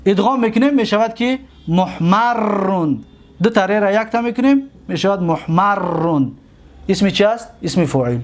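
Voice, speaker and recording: Man, Tajik accent, high voice, classroom lecture, repeats terms, quizzes students. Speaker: teacher.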